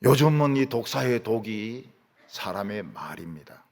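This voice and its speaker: A man's voice: on the low side, sing-song, a little slow, creaky, darkish tone. A male pastor delivering a sermon with emphatic rhetorical questions, recorded in a church hall. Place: church sanctuary. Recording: long reverb of a church hall.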